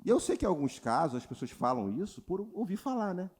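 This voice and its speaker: A man's voice: fast talker, slightly rough. A Brazilian man preaching a sermon as pastor, calling on the congregation for responses and mimicking people's prayers. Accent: Brazilian Portuguese. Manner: animated preaching, mimics congregants in high voices, asks crowd for response. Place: church retreat service.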